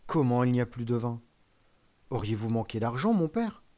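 Guy reading as young sailor son, earnest and excitable, bit higher than the narration, audiobook. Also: normal speed, lightly acted. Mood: anxious, pleading. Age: 20s. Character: eager young sailor, warm and devoted son. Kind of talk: audiobook character voice.

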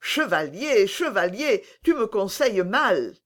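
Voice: mid-range voice, big pitch swings, slow, fairly bright tone. A reader voicing a vain, petulant royal duke in an audiobook, haughty and fussy. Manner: haughty, fussy, easily swayed. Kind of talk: audiobook character reading.

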